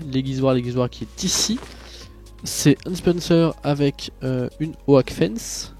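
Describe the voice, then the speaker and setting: A man's voice: mid-range voice, dark tone. A tired man narrating a game tutorial in a casual, rambling way, full of hesitations and asides. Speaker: Minecraft tutorial youtuber.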